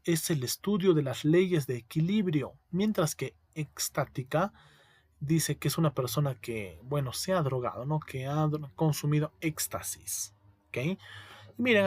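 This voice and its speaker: A man's voice: fairly high pitch, slightly rough, no room sound. Man teaching, repeating words, checking. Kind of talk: spelling lesson.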